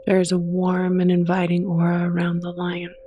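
A soft-spoken, gentle meditation guide reading slow, soothing scripted narration with unhurried pauses and a creaky edge. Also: mid-range voice, monotone, muffled recording, a little hiss or hum.

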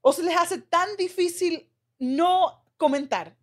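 A woman co-hosting a podcast in casual chat, speaking in a measured, teasing way and laughing often. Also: very high voice. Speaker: podcast co-host.

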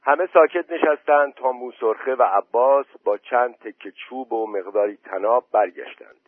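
Man, story narrator, husky, low-pitched, tinny phone-like sound. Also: dry recording. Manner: plain steady storytelling. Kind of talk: audiobook story reading. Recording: dry tinny phone-like voice message.

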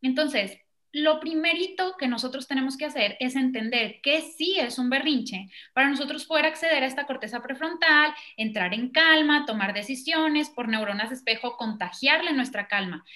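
Woman, parenting expert; high, bright voice, animated explainer. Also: moderate pace. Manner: animated, acts out children and parents in quoted voices. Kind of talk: explanatory conversation.

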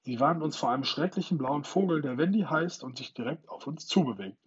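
A man voicing a band of excited young boys in a storybook reading, shouting shrilly and eager for battle. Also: medium pitch, quick pace, husky, highs cut off. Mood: urgent.

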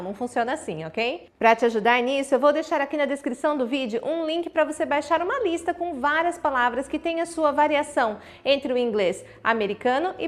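A Brazilian woman teaching English in a video lesson, speaking directly to the viewer and demonstrating English words, with a Brazilian Portuguese accent. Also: high-pitched. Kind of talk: online video lesson with tips.

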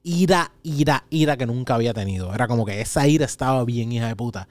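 Animated Puerto Rican man telling a story. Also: medium pitch, fast talker, dry recording. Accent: Puerto Rican Spanish. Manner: animated storyteller, acts out his own shouts. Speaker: podcast host. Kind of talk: casual chat.

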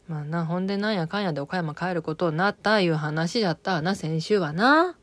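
A woman's voice: lowish voice, lively intonation, brisk. Chatty woman with an Okayama accent. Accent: Okayama dialect of Japanese. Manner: chatty, rambling, many fillers and self-corrections. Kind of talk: casual spoken recap of a TV drama.

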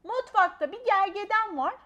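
A woman voicing an excitable little girl who keeps calling out to her parents and pleading to be heard. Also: normal speed, dull audio, full character voice. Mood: insistent. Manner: shrill, pleading, calls out loudly.

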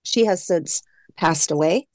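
A woman's voice: on the low side, unhurried, a little mellow, no echo. A woman who is an adoptee guest, reflectively telling her story in a casual interview and quoting past phone calls. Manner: reflective, retells phone calls with quoted dialogue.

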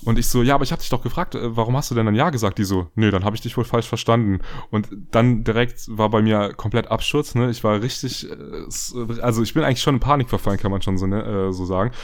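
A man's voice: on the low side, quick pace, hardly any pauses. A young man telling a personal story in a casual chat, rambling with slang and fillers and turning often to speak to his listeners directly.

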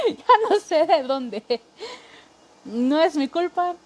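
Chatty Mexican woman, higher voice. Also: very animated, fairly bright tone. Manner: chatty, jokey, acts out coworkers in quick impressions. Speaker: podcast host. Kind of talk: casual comedic monologue.

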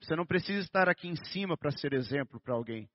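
A man with a Brazilian Portuguese accent preaching a sermon in a conversational way, with joking asides and a slow, stressed reading of scripture. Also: on the high side, lively intonation, dry recording. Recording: dull, dry lo-fi sound.

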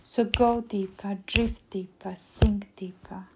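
A woman hypnotist guiding a hypnosis induction in a slow, soothing, repetitive voice, breathy and often trailing into a whisper. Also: medium pitch, fairly even intonation, warm tone, a little hiss or hum. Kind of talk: guided weight-loss hypnosis induction.

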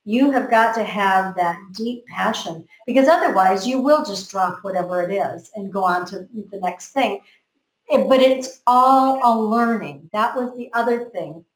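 A woman's voice: medium pitch, unhurried. A woman from America, talking earnestly in a group conversation and often repeating words as she works out her thoughts. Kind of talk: motivational group chat. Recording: roomy echo.

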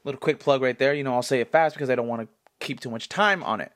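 A man in his twenties, congested, talking in a rambling, animated style full of fillers as a solo podcast host. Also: medium pitch, fast talker. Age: 20s. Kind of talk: casual solo commentary.

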